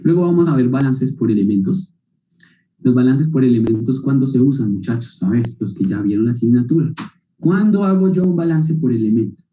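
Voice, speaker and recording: A man giving a university lecture, his voice dark and mellow. He asks the class questions and checks in after each point. The recording sounds echoey and picked up from a distance. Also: medium pitch, lively intonation, brisk. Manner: questions students, tags statements with "¿no?". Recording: roomy, distant mic.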